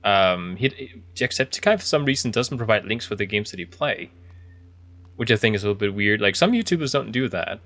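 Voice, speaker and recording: A man's voice: lowish voice, lively intonation, a little fast, a bit bright, no room sound. A man giving casual video game commentary, thinking aloud in a chatty, easily impressed way. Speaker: video game streamer playing an indie horror game.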